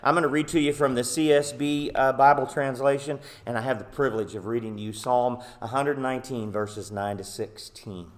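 A man's voice: medium pitch, steady tone, brisk, few pauses. Man, pastor, sermon, earnest and emphatic, filler words, church. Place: church sanctuary.

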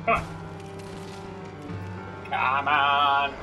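A man's voice: mid-range voice, monotone, extremely slow. A man in his thirties giving casual let's play commentary, with playful muttered asides to himself and the game. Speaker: gaming video host. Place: small room indoors. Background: game music.

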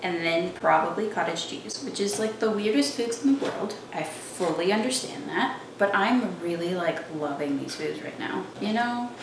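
A woman's voice: fairly low pitch, lively intonation, moderate pace, vocal fry, hardly any pauses. A young woman chatting casually in her home kitchen while cooking, rambling with lots of "like". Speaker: vlogger. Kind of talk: casual cooking vlog chat. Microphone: camera across the kitchen. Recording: roomy, distant kitchen audio with noise.

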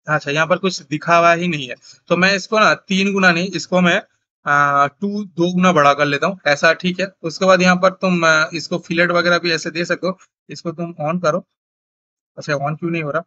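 A young man from India giving a casual screen-recorded software tutorial, talking his steps aloud and correcting himself as he goes. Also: high-pitched, highs cut off. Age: young adult. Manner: thinks aloud, self-correcting, casual instructions. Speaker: CAD tutorial instructor.

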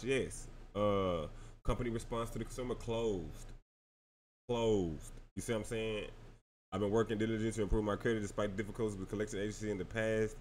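Laid-back deep-voiced man, slangy and tired. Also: a little hiss or hum. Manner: laid-back, slangy, talks to viewers as y'all. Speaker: credit repair vlogger. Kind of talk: casual screen-share tutorial.

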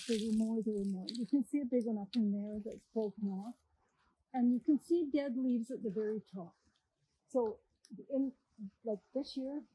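An older Canadian woman with a fairly high, warm voice leads a casual walk through her autumn woodlot, describing what she notices. A camera a few meters away captures it in low quality, with a little hiss or hum.

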